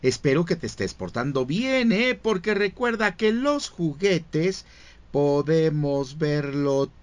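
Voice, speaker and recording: A man's voice: on the high side, animated, takes it slowly, pitched above the performer's own voice. A man voicing a friendly, caring toy cowboy sheriff from a cartoon, earnest and folksy. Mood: friendly, admonishing.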